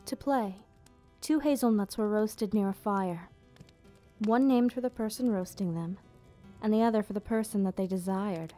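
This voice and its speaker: A woman with a natural, mid-range voice plays a gentle, nostalgic vampire hostess in an ASMR roleplay. She speaks softly, giving slightly formal, unhurried explanations in a soft storytelling style. Background music plays.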